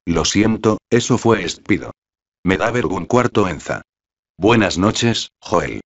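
This is an impulsive, chatty young woman, read by a man in his own low voice. The lines come out flat and even, like a screenplay read aloud. The sound is dull and lo-fi. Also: a little slow, full character voice.

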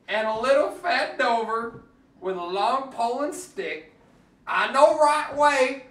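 Reading a picture book aloud in Cajun dialect, a storyteller gives a theatrical performance full of playful exaggeration, his tone sharp and his pitch swinging widely as he lingers over each line. The mic sits at a distance in an echoey room.

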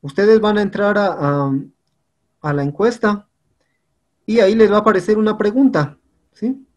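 A man's voice: high voice, moderate pace. A male teacher, patiently walking his students through an online class platform and often checking in with them. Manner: patient, repeats "compañeros" and "¿sí?" often.

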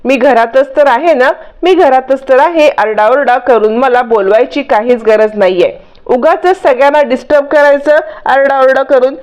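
A woman's voice: high-pitched, moderate pace, a little mellow, lo-fi sound, lightly acted. A woman voicing an angry young wife who scolds her husband in a reproachful way. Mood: annoyed.

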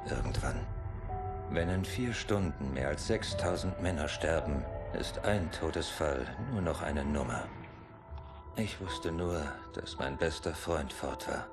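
Very deep, somber soldier narrator. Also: male voice. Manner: grave, reflective. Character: somber male soldier narrating his grief. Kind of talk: scripted dramatic game narration. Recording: loud music behind.

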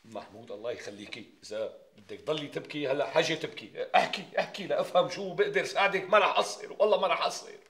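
A quick, bright-toned neighbor man with a Damascene Syrian accent, played by an actor. He coaxes and pushes back in sitcom style, sounding more and more exasperated. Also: a little high, close to an everyday voice. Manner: exasperated, coaxing. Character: patient, exasperated middle-aged male neighbor. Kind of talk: TV sitcom acting.

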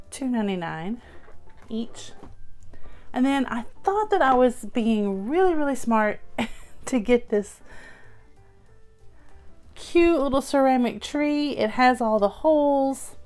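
A woman's voice: on the high side, clean tone. A middle-aged woman casually showing her thrift store finds on a tabletop, chatty and upbeat, with plenty of fillers. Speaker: thrift haul vlogger. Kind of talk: casual haul show-and-tell. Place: indoors at a table.

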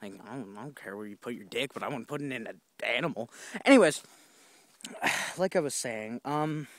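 With a mid-range, expressive voice at a moderate pace, a young vlogger rambles through a profane story while walking a wooded trail, phone camera in hand, stumbling over fillers and restarts. The sound is clean, studio-quality and echo-free.

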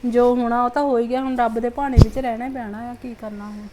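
A woman's voice: fairly high pitch, little pitch movement, quick pace, very noisy, lightly acted. A woman playing a scheming, greedy middle-aged mother-in-law who chats with a Punjabi accent and mutters greedy asides. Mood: consoling. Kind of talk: comedy skit acting.

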